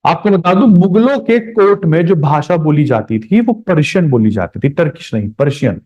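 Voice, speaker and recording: Male history teacher, slightly high voice, chatty classroom delivery, muffled lo-fi sound. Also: expressive, normal speed, dark tone. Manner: conversational, addresses students directly, repeats key points. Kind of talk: classroom lecture. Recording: dull lo-fi recording.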